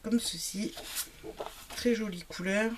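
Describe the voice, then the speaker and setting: A woman's voice: medium pitch, takes it slowly, background noise. A woman chatting casually through a craft shopping haul, with frequent fillers. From Italian family background. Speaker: craft vlogger. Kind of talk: casual product haul chat.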